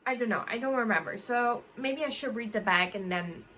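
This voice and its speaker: A woman's voice: on the high side, a little fast, pushed and bright, slight background noise, low-quality recording. A young woman chatting casually to camera as a book vlogger, rambling and correcting herself often. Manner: rambling, with frequent self-corrections and fillers.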